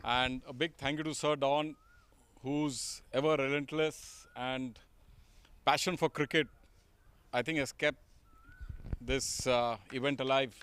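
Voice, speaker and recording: A man's voice: medium pitch, steady tone, takes it slowly, pauses often, a bit bright. Indian man giving informal thanks, faint noise. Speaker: alumni society president. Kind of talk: informal thank-you speech. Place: outdoor school playing field.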